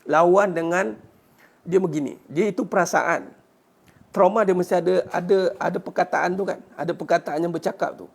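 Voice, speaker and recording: High-voiced gravelly male religious teacher. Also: moderate pace. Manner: punctuates points with "ha" and rhetorical questions; earnest, urging listeners to fight back. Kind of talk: religious lecture answering questions.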